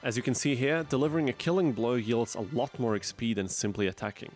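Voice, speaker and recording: Male game-channel narrator, mid-pitched, deadpan wry commentary over faint music. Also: fast. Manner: wry, dry asides. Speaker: gaming video narrator. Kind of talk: scripted gameplay commentary.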